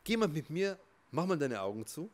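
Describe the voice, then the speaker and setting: A man, a rabbi, giving an emphatic motivational talk that swings between soft and loud. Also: a little high, sing-song, moderate pace. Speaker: rabbi and therapist.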